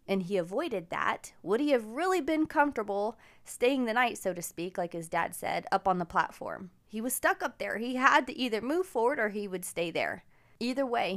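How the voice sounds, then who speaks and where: A woman in her forties, hosting a podcast and telling personal stories in an upbeat, encouraging way. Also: on the high side. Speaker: podcast host. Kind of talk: casual personal storytelling.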